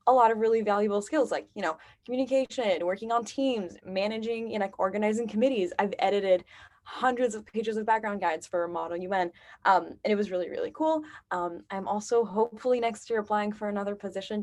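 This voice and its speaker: Young woman from Lebanon, a student. Upbeat and chatty, mid-pitched, speaking over a video call. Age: young adult. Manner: chatty and upbeat, many fillers. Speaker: university student. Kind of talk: casual talk on a video call.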